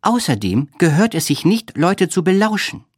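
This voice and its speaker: A man's voice: high voice, very animated, moderate pace, no room sound, clean studio sound, pitched above the performer's own voice. Motherly, curious kiosk lady, read by a man in a raised, fond, cooing voice for a storybook. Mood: fond, chatty. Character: friendly nosy kiosk woman, motherly.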